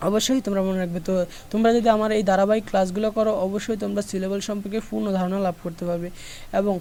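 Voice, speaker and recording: A woman's voice: medium pitch, mellow, a little hiss or hum. Woman, Bangladeshi accent, online English teacher, patient step-by-step explanations, repeats examples.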